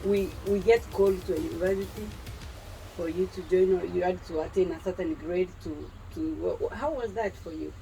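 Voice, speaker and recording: A Kenyan woman hosting her channel, asking a guest questions in a relaxed, encouraging interview chat. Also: lowish voice, brisk, creaky, soft background music, rough recording.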